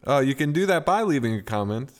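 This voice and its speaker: A man's voice: mid-range voice, sing-song, fast. A man co-hosting a video game podcast, chatting casually with dry, sarcastic jokes. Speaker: podcast co-host.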